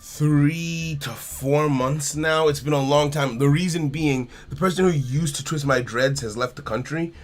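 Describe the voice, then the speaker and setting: A man's voice: fairly high pitch, a little slow, hardly any pauses, faint music behind. A man streaming a card game live, chatting casually and greeting viewers by name while repeating his phrases.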